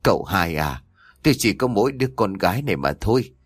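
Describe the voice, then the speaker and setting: Old village father, blunt and remorseful, pleading, lively pitch, read by a man. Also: fast, breathy edge, dry recording, studio quality. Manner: pleading, scolding.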